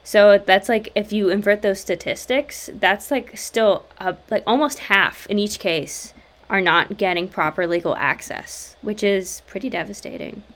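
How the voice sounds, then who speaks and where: A woman at a middle pitch joins a casual discussion. She works her way through numbers out loud, pausing often on "uh" and "like" as she goes. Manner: talks through numbers with hesitant fillers. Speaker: discussion participant.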